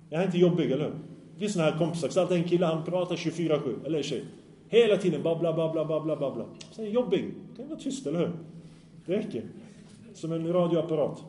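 A man's voice: a little high, dark tone, slight background noise. Earnest preacher man in an echoey room. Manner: earnest, asks the audience often. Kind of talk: Islamic sermon to youth.

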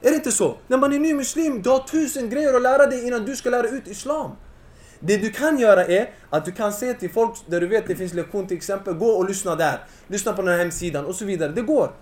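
A young man giving an impassioned Islamic lecture to a young audience, at times rising nearly to a shout. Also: sits high, echoey room.

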